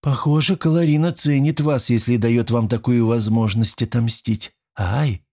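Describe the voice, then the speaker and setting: A man's voice: medium pitch, fairly even intonation, moderate pace, warm tone, voice pushed up, lightly acted. A man reading an audiobook, voicing a scheming, vengeful young woman in a girlish, venomous voice.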